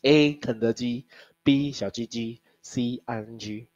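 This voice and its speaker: A man's voice: mid-range voice, takes it slowly, a little mellow. A man teaching an English class, teasing his students and spelling words out letter by letter. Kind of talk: classroom lesson. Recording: dull lo-fi classroom recording.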